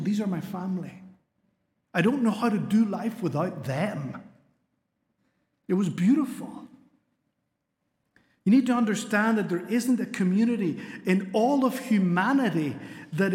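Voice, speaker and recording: A man's voice: high voice, a little mellow. A middle-aged man, preaching a sermon with earnest storytelling and light humor. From Spain. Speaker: pastor. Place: church sanctuary. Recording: long hall reverb in a church.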